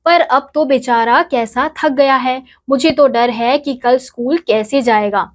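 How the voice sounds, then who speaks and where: A woman's voice: high voice, unhurried. A woman voicing an anxious mother fussing over her sick son. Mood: worried. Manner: fretful, coaxing. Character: worried mother of a sick boy.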